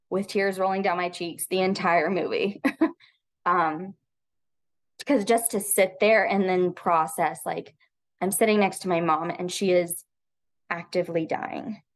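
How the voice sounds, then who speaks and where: A woman's voice: lowish voice, steady tone, a little slow, a bit bright. A woman in her thirties, a podcast guest telling a personal story, speaking reflectively with frequent restarts and filler words.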